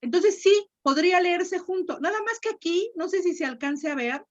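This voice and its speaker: A woman's voice: very high voice, lively intonation, normal speed. A Mexican woman teaching a Latin class online, patient and encouraging as she corrects students' pronunciation. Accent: Mexican Spanish. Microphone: video call. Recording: lo-fi video call audio.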